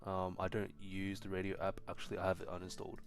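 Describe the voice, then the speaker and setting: Answering questions from chat on his casual tech live stream, a young man originally from China stays relaxed, filling his speech with ums and restarts. He talks at a quick pace in a low-pitched, creaky voice.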